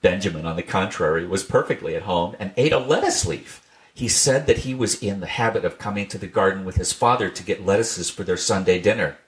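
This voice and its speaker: A man reading a classic children's storybook aloud in a gentle, measured storytelling manner. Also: low voice. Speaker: reader.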